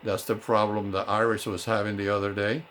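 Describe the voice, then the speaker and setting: Fairly low-pitched and a bit bright, his delivery is flat and fairly quick. The non-native English-speaking man, a radio technician, offers an eager, casual, hands-on demonstration of repeater gear in a home electronics workshop, with clear background noise from the room.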